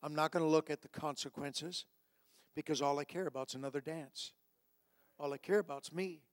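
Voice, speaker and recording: Male preacher, fairly high voice, sermon delivery, exhorting and repetitive, hushed to loud dynamics, dry close sound. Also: steady tone, moderate pace, no room sound. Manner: exhorting, repeats phrases for emphasis; swings from hushed to shouting. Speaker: pastor preaching to a church congregation. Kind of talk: sermon with altar call.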